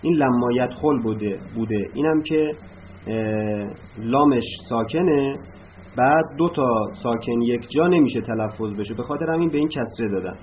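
A man teaching an Arabic grammar lesson, patiently explaining and reciting verb forms in drills, with "uh" pauses between points. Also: mid-range voice. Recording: slightly dull lo-fi recording with faint noise.

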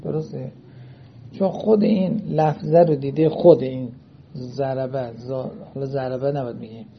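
A man's voice: medium pitch, steady tone, gravelly, a little hiss or hum. A man teaching a lecture class in a seminary style, often asking whether his students follow. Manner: checks understanding with frequent questions. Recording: dull lo-fi recording.

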